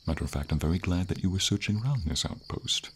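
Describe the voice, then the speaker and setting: The speaker is a man portraying a wise, gentle dragon in scripted ASMR fantasy roleplay, using a very deep, gravelly voice. His delivery is formal, slow and measured, with thoughtful pauses, and the mood is earnest and encouraging. Behind him comes the constant hiss of gentle rain and night insects.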